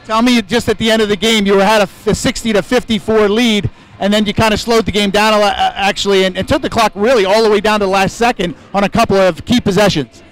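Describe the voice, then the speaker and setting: A man's voice: high voice, steady tone, fast, poor audio. A man working as sideline interviewer, asking conversational postgame questions in an arena. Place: indoor arena. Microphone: handheld mic.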